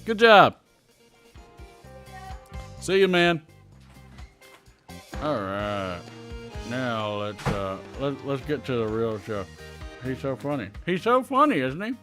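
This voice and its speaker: A man's voice: medium pitch, animated, slow, pauses often, a bit bright, soft background music. A man hosting a livestream in a casual, chatty, jokey way, talking straight to his viewers. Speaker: live stream host.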